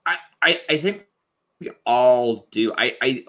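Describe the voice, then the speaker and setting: A man from Ontario, Canada hosts a podcast over a video call, chatting casually. His medium-pitched, slightly bright voice moves slowly. He rambles, restarting sentences a lot and repeating words.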